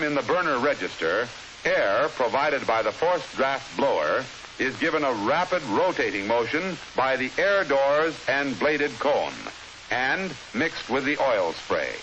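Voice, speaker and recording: An American man reading a scripted 1950s instructional film narration in a formal, measured, explanatory manner, on an old film soundtrack. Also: mid-range voice, highs cut off. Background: steady hiss.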